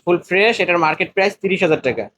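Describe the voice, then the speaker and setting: A Bangladeshi man hosts a casual vlog inside a phone shop and talks at a quick clip in a fairly high voice. He is eager and keeps echoing each figure back as a question. A faint shop hum sits behind him. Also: fairly bright tone. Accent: Bangladeshi Bengali. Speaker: vlogger and channel host.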